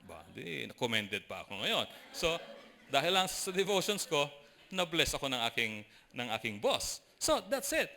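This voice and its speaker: A middle-aged Filipino-accented man preaches with a bright, forceful voice whose pitch swings animatedly. He weaves personal stories into the sermon and keeps turning to the congregation with questions. His voice sits a little higher than most men's. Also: big pitch swings, normal speed, vocal fry, a little hiss or hum. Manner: mixes storytelling and preaching, asks the congregation questions. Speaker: lay preacher.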